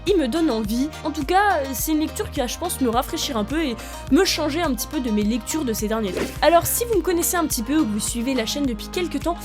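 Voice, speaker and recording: Excitable young Frenchwoman chatting about books. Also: sits high, fast talker, over music. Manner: chatty and excitable, with many fillers. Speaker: book vlogger. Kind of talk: casual chat to camera.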